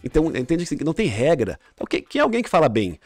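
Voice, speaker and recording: A man's voice: a little high, wildly swooping pitch, racing, a little mellow, soft background music. A middle-aged man, a podcast guest coaching on communication, explaining with examples and frequent restarts. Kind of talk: casual podcast chat.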